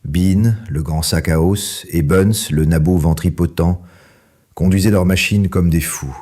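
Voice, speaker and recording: A man reading a children's story aloud in French, lively and acting out the characters. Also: a little slow, husky. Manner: lively, acts out each character with raised pitch. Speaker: audiobook narrator.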